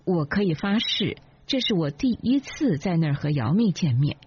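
一位女性朗读者压低嗓音，扮演一个认真又不服气、急于辩解的年轻丈夫，声音略带沙哑。. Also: female voice, fairly low pitch, sing-song, moderate pace, darkish tone, husky, exaggerated voice. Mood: defensive. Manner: indignant, earnest. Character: defensive earnest young husband. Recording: dull lo-fi, dry.

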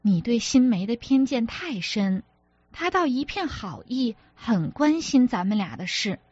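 A woman's voice: fairly high pitch, very animated, a little slow, a little mellow, husky, no echo, lo-fi sound, exaggerated voice. A woman reader voicing an apologetic, exasperated young husband who pleads and defends himself, as an audiobook character. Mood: placating.

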